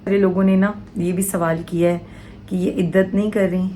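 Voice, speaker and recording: A woman's voice: medium pitch, little pitch movement, mellow, a little hiss or hum, rough recording. A woman in her thirties answering viewers' questions in an earnest, emotional vlog from a small room at home. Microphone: camera in front of her. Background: faint household sounds from outside.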